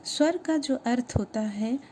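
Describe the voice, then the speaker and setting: A woman teaching a grammar lesson to schoolchildren, explaining step by step and asking questions that she then answers herself, slowing down to sound out each letter. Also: a little high, warm tone, a little hiss or hum.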